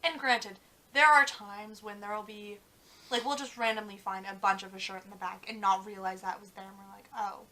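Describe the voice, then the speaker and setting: A young woman co-hosting a casual vlog chat, talking fast and loose with lots of fillers. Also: mid-range voice, fairly even intonation, pushed and bright, rough recording. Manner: chatty, many "like" fillers, trails off. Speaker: vlog co-host.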